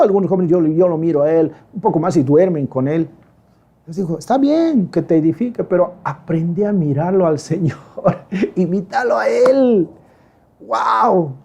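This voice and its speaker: A male pastor giving a lively, conversational sermon, acting out quoted voices in quick emphatic bursts. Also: high voice.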